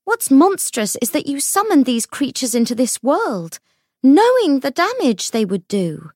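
A woman's voice: high voice, sing-song, measured pace, darkish tone, no echo, clean studio sound, pitched above the performer's own voice. A woman voicing a fierce young woman shadow hunter who demands answers in an urgent, raised voice. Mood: demanding.

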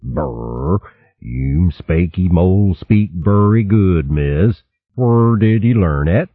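A man voicing a stout, cheerful, dapper male mole cook who speaks a thick rustic dialect, slow and drawling. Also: low voice, lively intonation, no room sound, exaggerated voice. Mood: curious. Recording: thin phone-like dry sound.

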